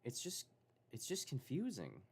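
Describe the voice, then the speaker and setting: A man gives sarcastic reaction commentary on a live stream. He mocks what he watches and laughs as he talks, in a voice of ordinary, mid-range pitch. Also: huge pitch swings, a little slow, darkish tone, slightly rough. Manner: sarcastic, mocking, laughs while talking.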